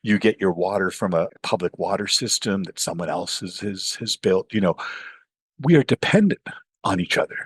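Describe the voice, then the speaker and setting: In an interview, this middle-aged author and professor from Pakistan speaks with lively animation, peppering his talk with "you know" and imitating others' voices. He has a low, expressive voice with a breathy edge, at a moderate pace and with no echo.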